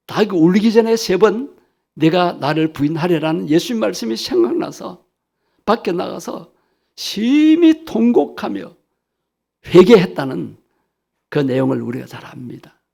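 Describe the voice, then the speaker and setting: A man's voice: high voice, animated, normal speed, gravelly, dark tone, breathy edge. A male pastor delivering an earnest sermon, lifting his voice to speak the questions of Jesus with emphasis.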